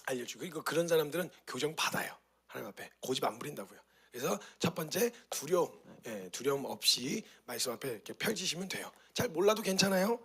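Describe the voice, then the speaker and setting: A male pastor teaching a meditation class, talking at a rapid clip. His voice is gravelly and husky, pitched a bit high for a man. He tells stories and fires off rhetorical questions. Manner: lively storytelling with rhetorical questions. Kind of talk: teaching talk.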